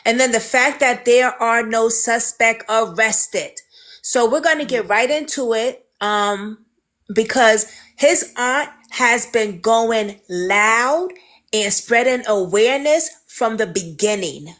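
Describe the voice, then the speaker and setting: A woman's voice: a little high, takes it slowly, a bit bright. Female host, Brooklyn accent, informal and direct, chatting plainly through an interview. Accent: Brooklyn, New York. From Brooklyn, United States. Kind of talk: casual conversational interviewing.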